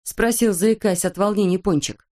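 A woman narrating a children's storybook in an even storytelling manner. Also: mid-range voice, moderate pace. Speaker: audiobook narrator.

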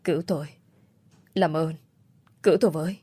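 A woman voicing a frightened young woman who pleads desperately, pitched above her narration, in a storybook reading. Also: expressive, moderate pace, no room sound, close to an everyday voice. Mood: pleading. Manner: pleading, higher than narration.

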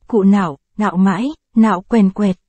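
A woman narrating a short story in scripted reading, in an even, measured way. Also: mid-range voice, slightly rough, no room sound.

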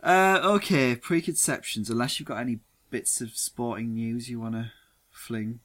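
A man's voice: medium pitch, normal speed, fairly bright tone. A man co-hosting a casual podcast, joking dryly and leading the segments. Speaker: podcast co-host. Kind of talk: casual chat.

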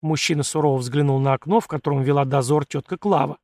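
A man narrating a first-person audiobook in a measured, even storytelling manner. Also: fairly high pitch, no room sound, studio quality.

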